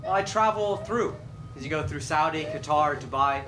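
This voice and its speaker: A young man from Singapore, an audience member answering the host with quick, offhand banter. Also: on the high side, reverberant, crowd noise. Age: young adult. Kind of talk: heckling banter.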